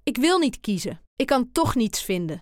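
A woman's voice: on the high side, very animated, moderate pace, a little mellow, dry recording, studio quality. A woman reading a children's story voices a sulky little boy who grumbles that he dislikes reading.

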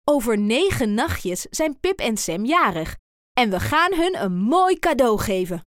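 A woman voicing an eager, cheerful female hen with a chirpy, excited manner, in a children's storybook. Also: on the high side, measured pace, no room sound, clean studio sound.

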